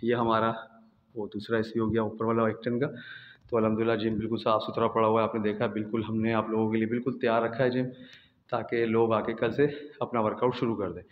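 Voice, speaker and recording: A man's voice: lowish voice, flat delivery, fast talker. A man in his thirties with a Pakistani Urdu accent, a gym owner chatting casually as he walks through his gym on a phone camera, tagging his sentences with "theek hai". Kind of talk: casual walkthrough vlog. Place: large indoor gym. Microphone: phone camera, selfie then walking. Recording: lo-fi phone audio with faint room noise and reverb.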